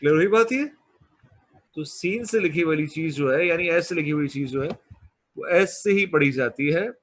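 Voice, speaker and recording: A male teacher giving a classroom lecture, coaxing students and drilling pronunciation by slowly repeating words. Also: fairly high pitch. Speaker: business English teacher.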